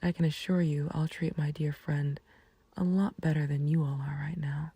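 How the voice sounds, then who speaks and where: In a scripted, intimate ASMR roleplay, a woman voices a calm, taunting villain who is menacing yet fond of a friend. She speaks in a low, breathy near-whisper, unhurried and condescending, coaxing with mock sympathy. The recording has no echo.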